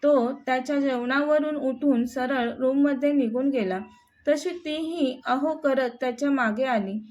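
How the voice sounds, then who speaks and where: A woman narrating a romantic story in a steady, plain reading voice. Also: sits high, unhurried.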